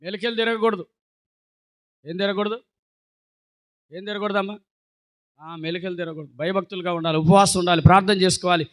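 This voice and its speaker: A man preaches to his congregation in a high, clear, resonant voice. He exhorts them again and again to shout hallelujah. His delivery swings between loud preaching and quiet, conversational asides. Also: steady tone, fairly quick, long pauses. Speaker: pastor. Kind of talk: sermon. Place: church sanctuary.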